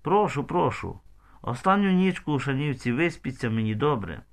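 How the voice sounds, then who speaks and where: A man voicing a kind, weary village mother who speaks gently to her guests in an audiobook. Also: mid-range voice, sing-song, moderate pace, creaky, pitched above the performer's own voice. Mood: gentle. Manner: gentle, hospitable.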